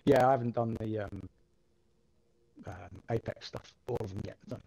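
A man's voice: medium pitch, normal speed, mellow, poor audio. A man playing a game with a friend who answers in short, laid-back replies. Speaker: co-player. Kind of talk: casual gaming chat. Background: game music.

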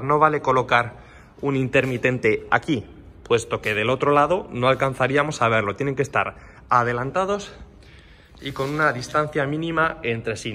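A custom motorcycle builder walks through a bike in an indoor workshop, recorded on a handheld phone camera with a little hiss or hum. His mid-range voice is bright and forceful. He explains in casual detail, pointing out parts as he goes.

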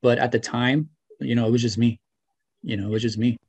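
A man's voice: mid-range voice, fairly even intonation, fairly quick, a little mellow, slightly rough. A young man speaks earnestly into a laptop mic from a small room at home. He talks casually and gratefully, with plenty of filler words. The sound is dry and close, with no room echo. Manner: earnest, grateful, many fillers like "you know" and "right". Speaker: interview guest, former student. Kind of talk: video call interview, casual. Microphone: webcam or laptop mic on video call.

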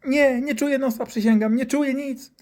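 A man's voice: sits high, huge pitch swings, unhurried, dark tone, breathy edge, voice pushed up, full character voice. A man voicing a terrified, foul-mouthed little boy who squeals and swears in panic. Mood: panicked.

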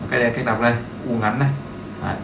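A man's voice: mid-range voice, fairly even intonation, very fast. Chatty man teaching in an echoey room. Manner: chatty, repeats phrases, seeks agreement. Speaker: English teacher. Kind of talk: casual screen-share lesson. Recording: echoey room with faint background noise.

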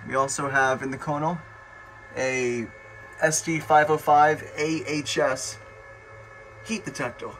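A man's voice: a little high, fairly even intonation, unhurried, long pauses, fairly bright tone, a little hiss or hum, poor audio. A man giving a casual, technical walkthrough in a matter-of-fact way, recorded on a handheld phone around a home garage. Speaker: hobbyist demonstrator. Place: home garage and adjoining rooms, handheld camera.

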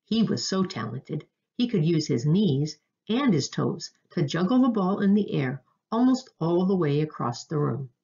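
A woman narrating a children's storybook in an expressive read-aloud manner. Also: low-pitched, normal speed, creaky, few pauses, lo-fi sound.

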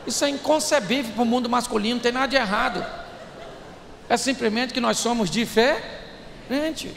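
A man with a high, very gravelly voice preaches to a live crowd, joking and calling out to them. His voice rings through a large echoey hall with faint noise underneath. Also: normal speed. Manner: animated, jokey, addresses the crowd directly. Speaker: preacher, speaker. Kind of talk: humorous preaching to a live audience.

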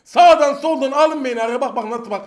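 A young man commenting on a mobile shooter game as he plays, teasing enemies with playful trash talk and sudden excited outbursts. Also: very high voice, brisk, slight background noise. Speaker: mobile shooter gameplay streamer. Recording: home mic with loud game gunfire behind.

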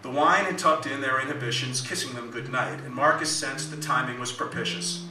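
Author reading live in a small club, deadpan, bright crisp voice, echoey room. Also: male voice, medium pitch, fairly quick, slight background noise. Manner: dry, deadpan asides. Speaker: author reading his novel. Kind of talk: live comic fiction reading. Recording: echoey club, mic at a distance.

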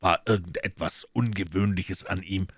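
A man voicing a calm, ironic detective in a German audiobook, speaking low and measured. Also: slightly rough, no room sound, studio quality. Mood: cool ironic. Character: Sherlock Holmes, cool calm detective, man.

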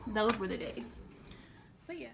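A woman's voice: mid-range voice, very animated, a little slow, vocal fry. A woman in her late twenties chatting casually in a vlog, sassy and talkative, calling viewers honey, with a stuffy nasal voice. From United States. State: nasal congestion. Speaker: vlogger. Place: at home.

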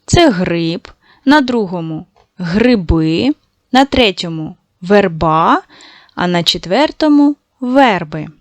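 A woman teaching a recorded lesson to young schoolchildren, patient and encouraging, slowly stretching out sounds to show how they are said. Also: fairly low pitch, expressive, no echo. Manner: praising, addresses children directly.

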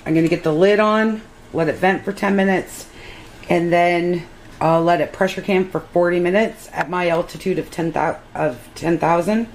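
A woman's voice: fairly low pitch, gravelly, a little mellow. A woman vlogger in her home kitchen, chatting casually and explaining each step to her viewers. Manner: chatty, instructive, addresses viewers as guys. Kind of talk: casual how-to vlog. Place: home kitchen with electric glass-top stove. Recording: noisy kitchen with hissing steam. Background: steam and cooking sounds from a pressure canner.

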